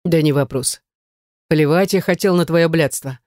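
A woman's voice: sits low, moderate pace, mellow, dry recording, close to an everyday voice. Brief: menacing young ex-boyfriend, icy, taunting, read by a woman narrator, audiobook, dry. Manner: icy, contemptuous, threatening.

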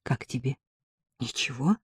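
A woman's voice: on the low side, very animated, measured pace, dark tone, breathy edge, no echo, clean studio sound, full character voice. A woman voicing an impulsive, wealthy young woman who pleads and coaxes, then turns defiant, in an audiobook. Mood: casual. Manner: pleading and coaxing, flares up defiantly.

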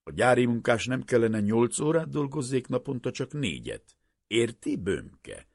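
A man voicing an older, troubled professor who speaks slowly and solemnly, with earnest pleading. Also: mid-range voice, sing-song, vocal fry, a little mellow, dry recording, clean studio sound, pitched above the performer's own voice. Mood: grave. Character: older male professor, grave and troubled scientist.

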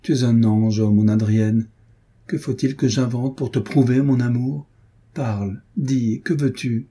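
An ardent young poet speaks with impetuous passion, as a male reader gives him voice. The tone is dark and husky, with no great shift from the reader's own voice. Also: medium pitch, fairly even intonation, unhurried. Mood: passionate. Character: young poor poet, ardent and jealous lover. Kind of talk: audiobook character reading.

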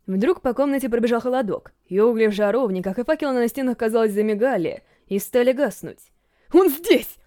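Woman narrator for a fantasy audiobook, mellow tone, measured delivery, dry close sound. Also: fairly high pitch, no room sound.

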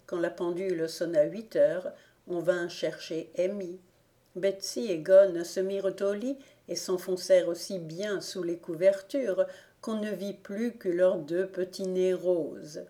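A woman reading a children's story aloud in a gentle, measured way. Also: lowish voice. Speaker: audiobook reader. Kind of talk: storybook narration.

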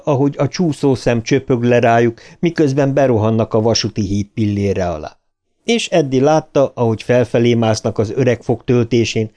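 A man reading an audiobook aloud in an expressive, dramatic narration style. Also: mid-range voice.

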